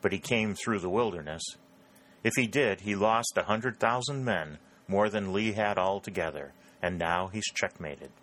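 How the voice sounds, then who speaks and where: A man reading aloud, voicing a hot-tempered male gentleman in a storybook reading. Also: lowish voice, normal speed, natural voice. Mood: heated.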